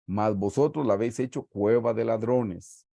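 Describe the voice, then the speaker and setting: Man, Guatemalan Spanish accent, sermon-style Bible study, warm dark voice, video call, verses read slowly. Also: on the low side, creaky, no echo. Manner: reads verses slowly, often addresses listeners as brothers.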